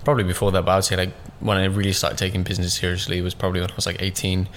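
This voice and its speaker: Racing along in a monotone, a 20-something podcast guest who owns a business chats casually, his loose talk packed with fillers and "like"s. He was born in Russia and grew up in southeast London; his voice is slightly low, with slight background noise.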